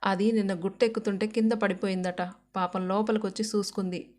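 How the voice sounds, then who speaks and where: A kind village woman calms others down in gentle, rustic speech, as a woman narrator puts her on. She sounds like a storybook reading in a mid-range voice. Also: mid-range voice, fairly quick, natural voice. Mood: soothing.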